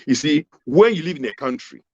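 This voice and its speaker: A man's voice: on the high side, animated, a little fast, a little mellow, breathy edge, dry recording. Ghanaian man, fifties, candidate on a freezing video call, emphatic, repeats himself, dull dry sound. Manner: emphatic, repeats key phrases. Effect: video call audio that keeps freezing and cutting out. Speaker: political candidate being interviewed. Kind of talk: remote interview answers.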